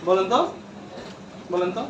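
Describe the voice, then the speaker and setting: A man's voice: normal speed, lo-fi sound, noisy background. A male teacher lecturing a classroom, repeating terms and quizzing his students. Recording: echoey room from far off.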